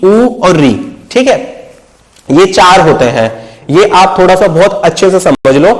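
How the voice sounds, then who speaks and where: A man from Uttar Pradesh teaching a Hindi lesson, his voice sitting fairly high. He mixes English words into his Hindi, asks questions and answers them himself, and keeps checking that his students follow. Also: poor audio. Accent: Hindi mixed with English words. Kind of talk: explanatory video lesson.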